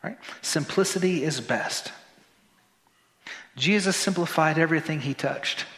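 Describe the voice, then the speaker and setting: A man's voice: on the high side, measured pace, a bit bright. A man preaching a sermon as pastor, talking conversationally with joking asides and repeated words. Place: church sanctuary. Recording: roomy church hall reverb.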